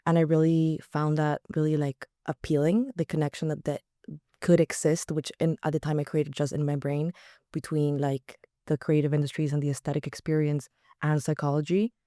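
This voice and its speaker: Smooth, mellow young woman chatting. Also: low-pitched, level tone, normal speed, no echo, clean studio sound. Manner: casual, chatty with "like" fillers. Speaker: graduate guest. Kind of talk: interview answers.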